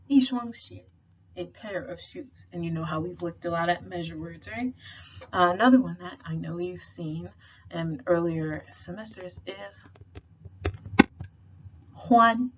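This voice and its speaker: Chatty, slightly low-pitched woman tutor. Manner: chatty, explains with lots of fillers and slang. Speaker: Chinese language tutor. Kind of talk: casual recorded tutoring lesson. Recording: slightly dull sound with faint noise.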